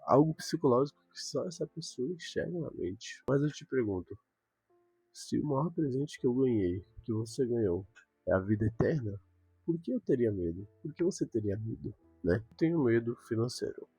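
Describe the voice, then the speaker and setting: A man's voice: mid-range voice, animated, moderate pace, mellow, slightly rough, no echo, soft background music. A young man giving an earnest devotional talk, repeating words for emphasis.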